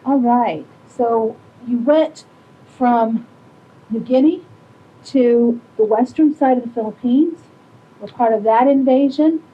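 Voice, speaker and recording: Higher-pitched woman interviewer, dull recording. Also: takes it slowly. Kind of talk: oral history interview questioning. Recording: dull lo-fi sound, faint rumble.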